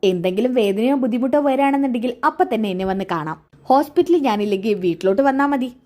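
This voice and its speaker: A woman voicing a calm woman doctor who speaks slowly and reassures a patient. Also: fairly high pitch, lightly acted. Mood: reassuring. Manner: slow and measured.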